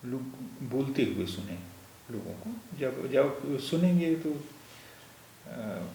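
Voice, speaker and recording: A man gives a spoken language lesson and goes through each point slowly, repeating the key terms. His voice sits at an ordinary middle pitch. The room around him rings noticeably, with a faint hiss underneath. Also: big pitch swings, gravelly, dark tone. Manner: patient, explains step by step and repeats terms. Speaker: language teacher. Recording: echoey room with faint noise.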